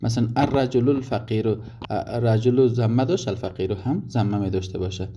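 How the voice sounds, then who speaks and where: A man's voice: medium pitch, mellow. A man teaching Arabic grammar step by step, working through many examples and restarting often. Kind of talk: recorded grammar lesson summary. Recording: dull lo-fi audio with clear noise.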